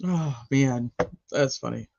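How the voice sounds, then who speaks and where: A woman's voice: a bass voice, slow pace, gravelly, mellow, lo-fi sound. Chatty woman rambling through a trial recap. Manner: rambling, chatty, with frequent fillers and laughs. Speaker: true crime channel host. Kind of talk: casual trial recap commentary.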